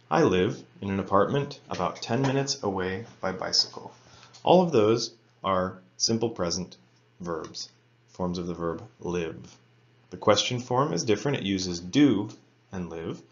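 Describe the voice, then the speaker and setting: A man teaching an English grammar lesson to students, reading example sentences slowly and carefully. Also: deep voice, highs cut off. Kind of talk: recorded lecture for students.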